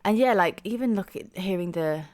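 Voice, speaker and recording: A young woman reacts to music like a relaxed host talking straight to her viewers, casual, chatty and enthusiastic. Her voice is soft and slightly low, she speaks a little fast, and she peppers her thoughts with plenty of "like" and "um."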